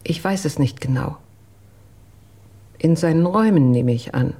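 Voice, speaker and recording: In a German radio drama, an actress with a low, husky, warm voice plays a reserved, dutiful household employee. She recounts events in a measured, careful way, yet her delivery stays animated.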